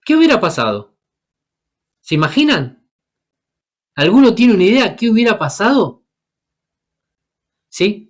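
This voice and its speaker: A man's voice: sits high, big pitch swings, a little slow, long pauses. A man from Paraguay, preaching a sermon and asking the congregation questions as he acts out the Bible characters. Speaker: guest preacher.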